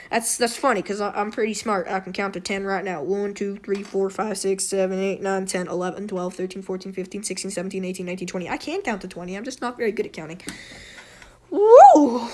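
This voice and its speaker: In a casual, unscripted game tutorial, a woman with a hoarse, slightly wheezy voice rambles along at a fairly quick clip, often apologizing and making fun of herself. Her pitch is mid-range for a woman and her intonation stays fairly even, with a faint hiss or hum in the background.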